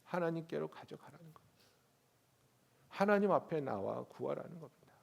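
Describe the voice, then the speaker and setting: Gravelly pastor preaching a sermon. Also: male voice, on the high side, animated, moderate pace. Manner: swings from hushed asides to loud pleading.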